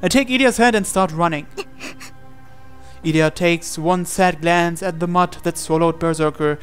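Music accompanies a let's player's dramatic narration as he reads a visual novel's on-screen text aloud. His voice is a little high and clean, and he speaks at a normal speed.

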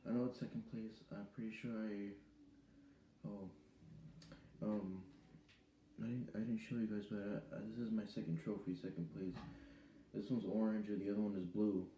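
A teenage boy vlogs casually to camera from his small bedroom, rambling and hesitant, with lots of ums. His voice is fairly low and mellow, with a steady tone, normal speed and frequent pauses. The room sounds echoey, the phone or webcam sits at arm's length, and there's a little hiss or hum.

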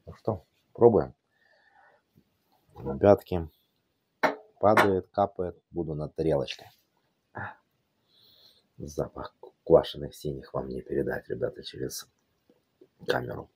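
A cooking channel host with an Odesa Russian accent tinged with Yiddish casually demonstrates cooking in a folksy, repetitive way, full of affectionate diminutives. His bass voice is slow, mellow, and slightly rough, with vocal fry, frequent pauses, and no echo.

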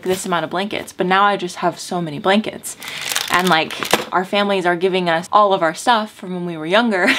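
A woman's voice: lowish voice, fairly bright tone, slight background noise. A young adult woman chatting casually as she vlogs about organizing her home, rambling with lots of filler words. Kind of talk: casual chat. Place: at home, indoors.

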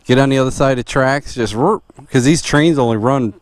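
A man's voice: medium pitch, brisk, no room sound. A man vlogging on a motorbike ride outdoors, talking in a blunt, teasing way with lots of swearing, recorded on a helmet camera. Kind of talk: casual outdoor chat. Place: outdoors in woods and open lots.

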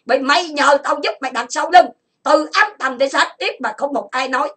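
A woman from Vietnam who hosts an online chat room, delivering an angry monologue full of insults and grievances, listed in rapid bursts. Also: high voice, bright, forceful tone.

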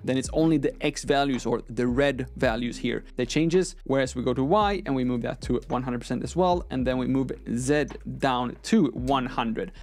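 Speaking into an arm-mounted microphone held close, this young non-native English speaker walks viewers through software step by step in a relaxed, chatty manner. His voice is a little high, and he's indoors at a desk in a small room.

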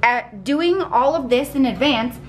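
A vlogger in her thirties chats upbeat to viewers while prepping food in her home kitchen, holding the camera at arm's length, in casual cooking vlog style. Her voice is high-pitched and unhurried, with slight background noise.

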